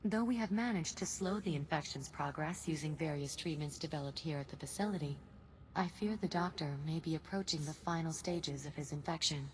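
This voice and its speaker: Low-voiced, precise female facility aide played by an actress. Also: a little hiss or hum, lightly acted, low-quality recording. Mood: grave, measured. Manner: measured, formal, exact. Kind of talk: video game voice acting.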